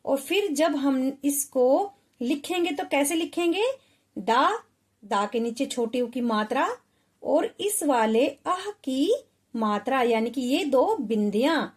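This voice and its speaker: A woman's voice: sits high, expressive. A woman teaching spelling to children, sounding out letters one by one and checking in often. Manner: sounds out letters slowly, often asks "ठीक है". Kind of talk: slow, patient spelling lesson.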